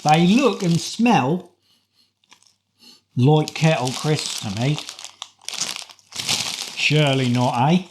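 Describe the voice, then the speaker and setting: A man with a British accent giving a casual product review in a chatty, deliberate way, often posing rhetorical questions. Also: a little high, background noise. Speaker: food review vlogger.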